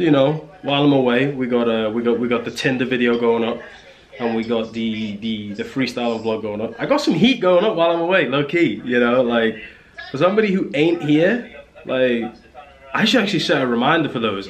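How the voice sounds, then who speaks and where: A young man, rambling casually with slang and fillers in a small hotel room, filming on a handheld camera. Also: mid-range voice. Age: young adult. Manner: laid-back slangy rambling with repeated fillers. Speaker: vlogger. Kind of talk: casual vlog. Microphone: handheld camera at arm's length.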